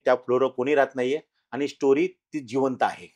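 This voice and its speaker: Telling a personal ghost story as an interview guest on a podcast, this middle-aged man speaks in a mid-range voice. He keeps it relaxed but halting, stopping and starting over often, and grows louder whenever the tension rises.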